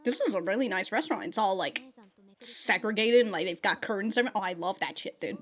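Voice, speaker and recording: A woman hosts a reaction video, offering casual commentary in a mid-range voice that is animated and a little fast. She's slangy and exclamatory, swears freely, and often breaks into giggles.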